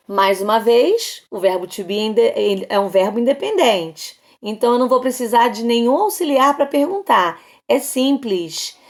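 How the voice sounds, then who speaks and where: A woman from Brazil giving an online English lesson, explaining patiently and slowly repeating example sentences for her students. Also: on the high side, creaky. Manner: addresses students casually as "galera". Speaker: English teacher.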